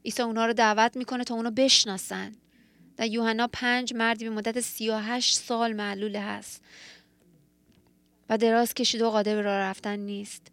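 A woman's voice: a little high, little pitch movement, a bit bright, no echo. A woman giving a sermon, retelling a scripture story in an earnest, reflective way. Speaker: preacher.

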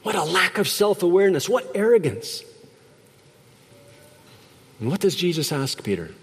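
A man's voice: high-pitched, very animated, moderate pace, husky. Reflective pastor, man, echoing hall. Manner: reflective, asks rhetorical questions. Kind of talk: sermon. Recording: long reverb of a large hall.

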